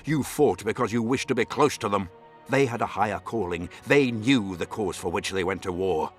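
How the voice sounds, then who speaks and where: In a fairly low voice close to his everyday one, a man speaks at normal speed to play a scornful noble baron chasing the throne in a fantasy game. Faint music sits behind the dramatic acting, and his formal, imperious lines carry cold contempt.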